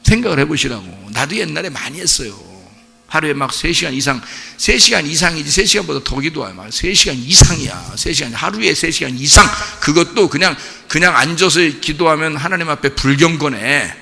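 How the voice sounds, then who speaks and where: Lively, bright-voiced preaching man. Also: a little high, fairly quick, vocal fry, slightly rough, long reverb tail. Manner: animated, bursts into shouts, chuckles; blunt casual banter with the congregation. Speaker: pastor. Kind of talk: sermon. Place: church sanctuary.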